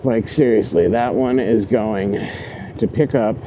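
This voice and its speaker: Riding his scooter outdoors on the job, this delivery rider vlogs for his own channel, rambling and thinking aloud to viewers. His voice is on the low side and a little slow, and the dull recording is full of loud road noise.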